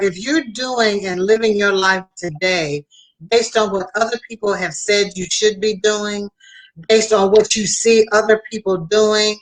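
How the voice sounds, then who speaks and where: A woman's voice: mid-range voice, a bit bright, low-quality recording. A woman hosting a conversational motivational show, giving advice emphatically and addressing listeners directly. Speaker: host.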